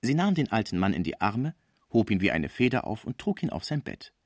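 Expressive male audiobook narrator. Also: lowish voice, brisk, no echo, clean studio sound. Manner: expressive reading. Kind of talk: scripted narration.

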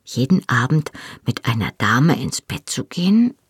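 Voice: mid-range voice, sing-song, a little slow, slightly rough, no room sound, clean studio sound, full character voice. An audiobook reader voicing a small, curious young boy who asks questions hesitantly.

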